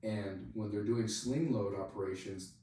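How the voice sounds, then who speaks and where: A man's voice: fairly low pitch, fairly even intonation, measured pace, dark tone, a little hiss or hum. Rambling man in a very echoey room. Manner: rambling, heavy use of "like", swears freely. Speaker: podcast guest telling a story; soldier. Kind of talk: casual storytelling. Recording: very echoey room, voice far from mic.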